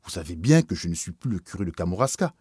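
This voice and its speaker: A man voicing a sick old parish priest who talks in a sharp, shaky way. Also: low-pitched, sing-song, fast talker, slightly rough, no echo, studio quality, exaggerated voice. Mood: bitter. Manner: sharp and shaky, later softening into tears. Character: sick old male parish priest, bitter then tender.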